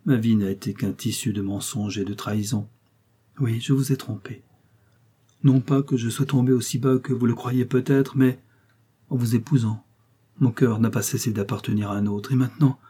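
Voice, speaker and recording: A man's voice: mid-range voice, dark tone, slightly rough, close to an everyday voice. A dying noblewoman, read by a man. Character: dying young noblewoman, bitter and despairing.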